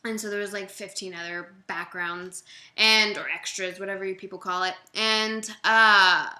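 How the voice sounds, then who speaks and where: A woman's voice: medium pitch, fairly even intonation, normal speed, sharp tone. A young woman chatting casually on a livestream, answering viewers' questions and making fun of herself. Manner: chatty and self-deprecating, laughs often; uses "y'all" and loose fillers.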